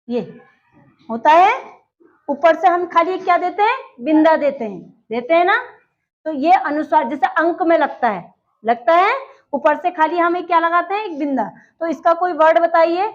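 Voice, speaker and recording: A woman with a high voice teaches a grammar lesson, patiently explaining each point and asking questions that she answers herself. The recording sounds dull and lo-fi. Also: a bit bright. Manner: explains step by step, asks questions and answers them.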